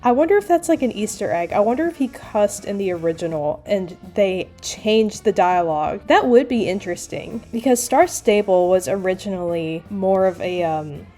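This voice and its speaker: A young woman giving casual, chatty gameplay commentary, full of "like" and quick asides. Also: mid-range voice, animated, warm tone, soft background music. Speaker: gaming YouTuber.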